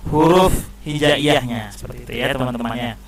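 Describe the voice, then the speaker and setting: Male schoolteacher, patient, addressing children, plain middle pitch, explanatory. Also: moderate pace, a little hiss or hum, poor audio. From Indonesia. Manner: patient, explains step by step with frequent "ya". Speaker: Islamic studies teacher. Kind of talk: classroom lesson for children.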